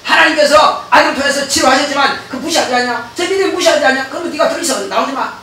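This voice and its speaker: A male pastor preaches a lively sermon in a high, bright, forceful voice. He often laughs, acts out conversations and breaks into shouts. The sound comes from a distance in a very echoey church with faint background noise. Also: fast talker. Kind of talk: animated sermon. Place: church sanctuary.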